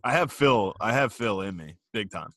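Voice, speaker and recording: Low-voiced man, profane rambling podcast host. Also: expressive, moderate pace, pushed and bright, no room sound, clean studio sound. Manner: profane, rambling storytelling, laughs often. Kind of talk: casual chat.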